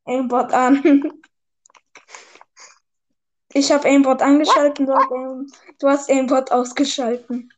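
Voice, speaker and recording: A high-pitched woman chats casually while gaming with a friend. She talks in slangy bursts, teasing and laughing often. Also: flat delivery, slow, pauses often, background noise. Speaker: gamer.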